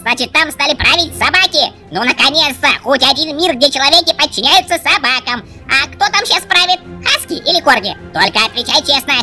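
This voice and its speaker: A performer voicing a cocky, excitable male cartoon corgi with a brash, slangy, dramatic manner. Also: sits high, fairly quick, soft background music, full character voice. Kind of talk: comic cartoon dog voice-over.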